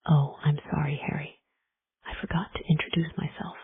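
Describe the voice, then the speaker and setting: Picture a huge bearded giant with rough, folksy speech, voiced by a narrator in an unvoiced whisper with a gravelly edge. The whispered role-play is thin and tinny, like a phone line, with a dry, close sound and no room around it. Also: medium pitch, flat delivery, normal speed, no echo. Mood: friendly. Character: huge gruff bearded male giant groundskeeper.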